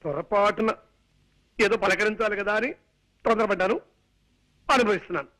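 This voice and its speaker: An actor playing an excitable young suitor who talks theatrically in a film comedy. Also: male voice, high voice, moderate pace, poor audio. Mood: exasperated. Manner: theatrical, over-explaining. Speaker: comic suitor.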